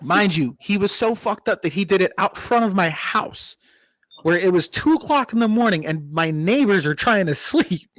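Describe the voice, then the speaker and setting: A man's voice: high voice, lively intonation, normal speed, fairly bright tone, slight background noise. A young man co-hosting a podcast, telling a rowdy, profane story in casual chat and laughing often. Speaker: podcast co-host.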